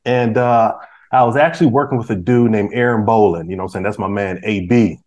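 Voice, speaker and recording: Talking a little fast in a lowish, slightly mellow voice, a man in his forties appears as a guest on a podcast. His casual chat rambles, full of restarts, fillers and street slang. The sound is lo-fi.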